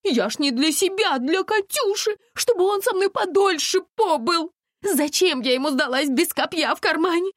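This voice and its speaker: A shrill, hysterical young woman shrieks and whines in a high, swooping voice, as a woman reader puts her on. The sound is close and dry, and the figure comes across as a high-strung bus passenger from a spoken storybook. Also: lively intonation, moderate pace, no echo. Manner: screeching, whiny.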